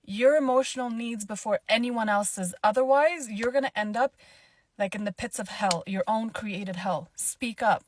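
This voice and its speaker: A woman's voice: fairly high pitch, normal speed, slight background noise. A woman telling a heated, profane story in a vlog rant, blunt and outspoken. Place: Manila.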